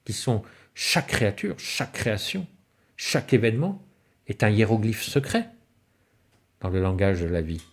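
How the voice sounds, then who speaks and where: A man's voice: fairly low pitch, lively intonation, normal speed, pauses often. A man giving a spiritual talk on alchemy and symbolism, telling stories with rhetorical questions and sudden rises and falls in his voice. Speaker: lecturer.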